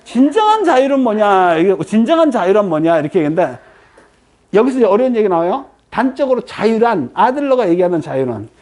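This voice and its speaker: A woman's voice: mid-range voice, fast. A woman giving a lecture, asking the audience frequent questions and answering them herself. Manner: lively rhetorical questions to the audience.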